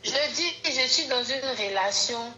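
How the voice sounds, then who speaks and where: A woman calling into a live show, speaking hesitantly and softly. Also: fairly high pitch, lively intonation, unhurried, echoey room, lo-fi sound, noisy background. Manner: hesitant, soft-spoken. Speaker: caller. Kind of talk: phone call into a live show.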